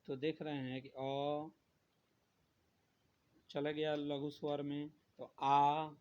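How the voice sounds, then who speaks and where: A man's voice: on the high side, little pitch movement, slow pace, a little mellow. A male teacher giving a grammar lesson, repeating each point and asking the class questions that he answers himself. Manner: repetitive, asks questions then answers them. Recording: dull lo-fi sound with faint noise.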